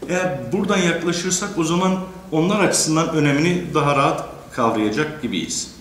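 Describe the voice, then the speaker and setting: A man giving a courteous academic lecture, pausing often with drawn-out fillers and addressing the teachers in his audience. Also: a little high, fairly bright tone, slight background noise. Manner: hesitant, many drawn-out fillers. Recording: echoey lecture room.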